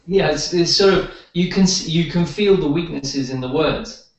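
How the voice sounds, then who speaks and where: An energy healer appearing as an interview guest talks at a normal speed in a somewhat high voice. He chats casually and tells anecdotes with hesitant restarts, and the recording sounds distant, echoey and a little dull.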